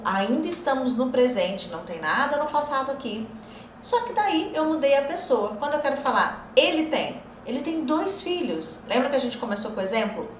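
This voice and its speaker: Brazilian woman, English teacher, encouraging, lively, fairly high voice, slowed-down example sentences, echoey room. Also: a little hiss or hum. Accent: Brazilian Portuguese. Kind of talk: online English lesson.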